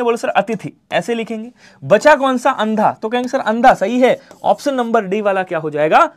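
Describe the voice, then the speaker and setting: A man teaching an online Hindi exam-prep class, who answers his own questions in the voice of his students and lets the ends of his sentences fall quiet. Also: high voice. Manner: repeats answers in imagined student replies, drops to quiet trailing endings.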